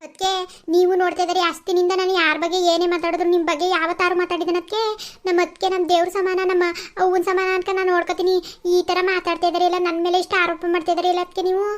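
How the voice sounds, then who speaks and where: A whiny, pleading cartoon sister-in-law voiced by a woman. Her voice is very high and hurried, and her protests run on without pause. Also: monotone. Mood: wounded. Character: accused sister-in-law, pleading and self-pitying.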